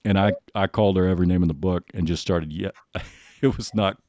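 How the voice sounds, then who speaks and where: A man's voice: low-pitched, fairly even intonation, fairly quick, a little mellow, no echo, clean studio sound. A man hosting a comedy show, telling stories and running a quiz with wry sarcasm. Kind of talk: comedic monologue and game hosting.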